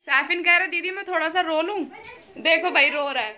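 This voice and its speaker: A woman's voice: very high voice, moderate pace, sharp tone. A young woman vlogger chatting casually and teasingly with her family at home, laughing often. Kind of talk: casual family vlog chat. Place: crowded family home, indoors.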